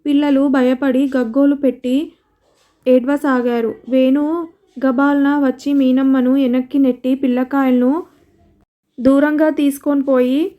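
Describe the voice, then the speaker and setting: Woman storyteller, scripted narration, high even voice, mellow. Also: measured pace.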